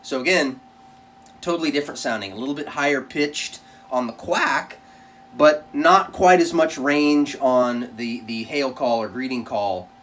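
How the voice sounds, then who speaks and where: A man with a mid-pitched voice talks through a casual product review. He is plainspoken and conversational, like a reviewer speaking off the cuff. The voice sits a little way back from the microphone. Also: unhurried, fairly bright tone, far from the mic.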